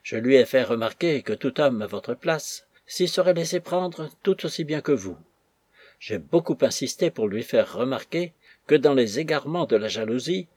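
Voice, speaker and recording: A man voicing a smooth, placating aristocrat's envoy who pleads in measured, persuasive tones. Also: mid-range voice, a little mellow, no room sound, clean studio sound.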